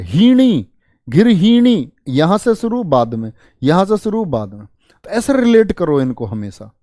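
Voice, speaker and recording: A young male teacher runs an online exam-prep lesson, quizzing his students over and over on spellings and teasing them when they get it wrong. His voice sits high but sounds mellow. The recording is close and dry. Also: no echo. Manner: drills spellings with repeated questions; scolds students playfully. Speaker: Hindi teacher.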